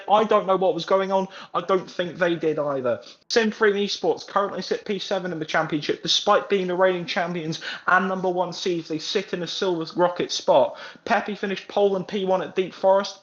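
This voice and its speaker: A man commentating live sim racing, rattling off results, lineups and penalties with the odd wry remark. His voice sits a little high. The stream audio sounds dull and lo-fi. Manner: rapid stat-heavy team rundown, dry asides. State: slightly out of breath. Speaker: esports race commentator.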